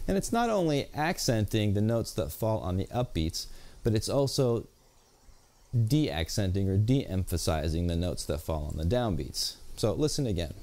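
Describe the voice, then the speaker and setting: A man's voice: on the low side, big pitch swings, moderate pace. A man giving a jazz guitar video lesson, explaining patiently and counting beats aloud. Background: guitar playing between explanations.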